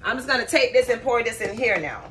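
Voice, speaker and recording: A woman's voice: on the high side, lively intonation, fast talker, fairly bright tone, slight background noise. Chatty woman cooking for her viewers. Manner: chatty, talks straight to viewers, says "guys" and "y'all". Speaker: cooking vlogger. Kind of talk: casual cooking demonstration. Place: home kitchen.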